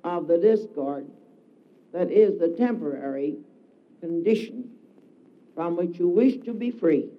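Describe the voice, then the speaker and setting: A man giving a solemn devotional address, declaiming slowly with emphatic repetition, heard on a dull lo-fi recording. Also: sits high, expressive. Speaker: spiritual speaker.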